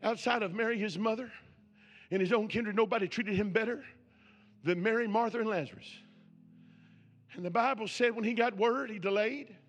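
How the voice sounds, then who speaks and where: A man's voice: high-pitched, moderate pace, pauses often. A man preaching a sermon as pastor, building with repeated questions.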